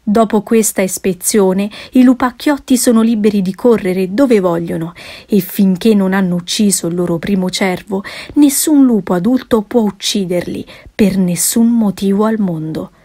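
A woman narrating an audiobook of a classic adventure tale, reading in a measured, expressive way. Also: mid-range voice.

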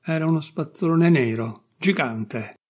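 A man reading a short story aloud in an expressive, measured storytelling manner, with a husky, gravelly voice. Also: fairly high pitch. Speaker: audiobook reader.

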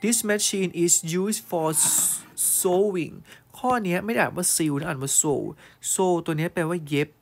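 In an online English grammar lesson, a male teacher with a high voice reads test sentences slowly. He then explains them fondly, calling his students "child" and checking that they follow.

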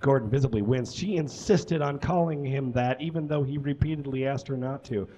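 In this low-quality recording, a young live comedy reader performs a story on a small curtained stage with theatrical mock-seriousness and ad-libbed asides. His voice is medium-pitched with a dark tone, and he reads briskly. The sound comes from a camera placed a few metres away.

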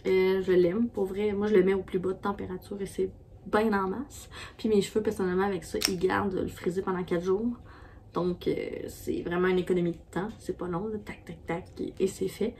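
A Québécois woman talks through her favourite hair and skin products in a loose, rambling vlog chat. Her pitch sits in an ordinary middle range, and she keeps stopping to restart her sentences. A faint hiss of noise runs underneath. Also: level tone, brisk, mellow. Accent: Québécois French. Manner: chatty, rambling with many fillers and restarts. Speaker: beauty vlogger. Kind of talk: casual product review.

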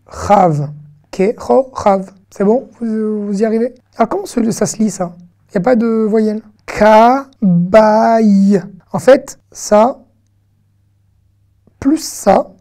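A woman's voice: mid-range voice, dark tone. A woman teaching an online reading lesson, patiently sounding out words syllable by syllable and checking in often with her students.

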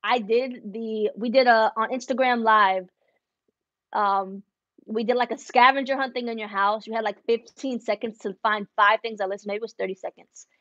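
A fairly high, steady, slightly bright voice at a moderate pace belongs to this young woman, an embroidery business vlogger whose native language is Spanish. She chats casually in English and Spanish during a livestream from her embroidery studio indoors. Recorded on wireless earbuds, the sound is dry and lo-fi.

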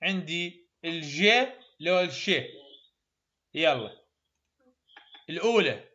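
Bright Iraqi teacher drilling sounds. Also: male voice, on the high side, expressive, dull audio. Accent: Iraqi Arabic. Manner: repeats sounds slowly, praises students often. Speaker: English phonetics teacher. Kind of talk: classroom pronunciation drill.

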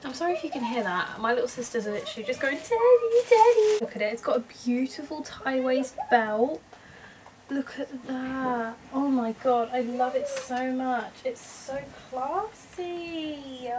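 A young woman from England talks to camera in a chatty, gushing home vlog. Her voice sits a little high and lively. A faint hiss runs under the talk. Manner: gushing, chatty, quick to laugh. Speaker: vlogger. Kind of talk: casual vlog chat.

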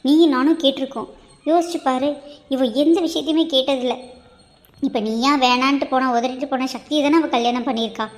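A woman's voice: sits high, steady tone, brisk, close to an everyday voice. A woman voicing a younger sister in a cartoon who scolds and reproaches her older sister. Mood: scolding. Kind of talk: amateur cartoon voice acting.

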